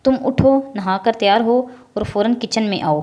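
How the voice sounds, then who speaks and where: Woman doing an angry middle-aged mother, scolding loudly, mellow voice, storybook reading. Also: mid-range voice, highs cut off, lightly acted. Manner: scolding, raised voice.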